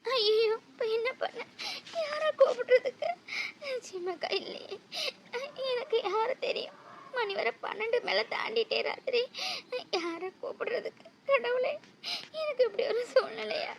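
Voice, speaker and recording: A woman's voice: sits high, very animated, unhurried, long pauses, a little hiss or hum, full character voice. A woman voicing a young cartoon mother caring for her two sick small children, coaxing tenderly and pleading in tears. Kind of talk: cartoon voice acting.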